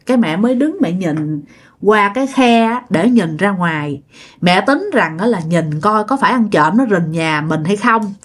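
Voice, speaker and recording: Lively Southern Vietnamese woman storyteller. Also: medium pitch, moderate pace. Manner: chatty, animated, repeats words for effect. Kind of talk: retelling listener ghost stories.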